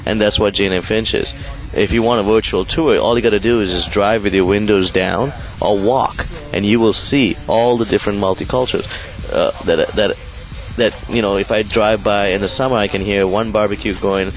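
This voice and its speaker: Interviewee, male, from Sri Lanka, lowish voice, animated and rambling. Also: rough recording. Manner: animated, proud, rambling with fillers. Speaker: interviewee, local resident. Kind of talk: casual interview talk.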